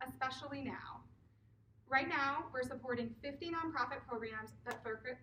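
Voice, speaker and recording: A woman with a fairly high voice delivers a prepared kickoff speech to an audience. The sound is distant and echoey, with faint noise underneath. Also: fairly bright tone. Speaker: nonprofit executive director giving a speech. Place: public event at a drive-in movie night.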